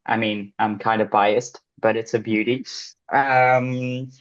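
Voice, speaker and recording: A man's voice: lowish voice, flat delivery, slow pace, no room sound, highs cut off. A young man with a French accent, a podcast co-host telling a story in casual, rambling chat full of fillers. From France.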